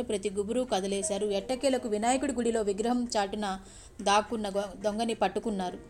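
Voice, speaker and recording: A woman's voice: fairly high pitch, darkish tone. A woman telling a village story vividly, full of sound words, turning now and then to speak to her listeners. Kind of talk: story narration with asides to listeners.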